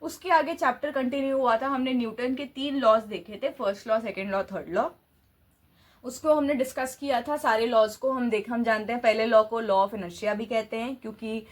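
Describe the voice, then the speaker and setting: Woman teacher, high voice, patient classroom explainer who poses questions and restarts phrases. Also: moderate pace. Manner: explains step by step with rhetorical questions; mixes English terms into Hindi. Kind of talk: classroom physics lesson.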